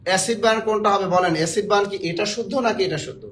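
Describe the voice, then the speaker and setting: Fast-talking joking teacher. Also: male voice, high-pitched, a bit bright, a little hiss or hum. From Bangladesh. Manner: joking, quizzes the viewers. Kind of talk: spelling lesson for job exams.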